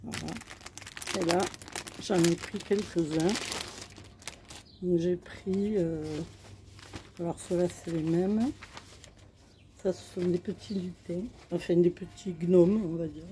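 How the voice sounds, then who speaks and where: A woman's voice: lowish voice, fairly even intonation, slow pace, long pauses, background noise. A woman showing off her craft purchases outdoors in the sun, chatting casually to her phone camera with lots of fillers and hesitations. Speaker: crafting vlogger. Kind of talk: casual show-and-tell haul. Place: outdoors in sunshine.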